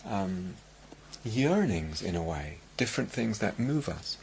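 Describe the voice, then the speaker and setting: A middle-aged man with an English accent giving a dharma talk as a meditation teacher, speaking in a reflective, halting way with many restarts. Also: lowish voice, big pitch swings, creaky, darkish tone, a little hiss or hum. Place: meditation hall at a retreat centre.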